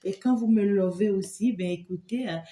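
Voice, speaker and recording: Speaking at a moderate pace with a warm, medium-pitched voice in a roomy-sounding space, a woman who works as a tarot reader and medium reads the cards aloud for the viewer. She wanders through it with lots of filler words and repeated "here," regularly checking the listener follows along.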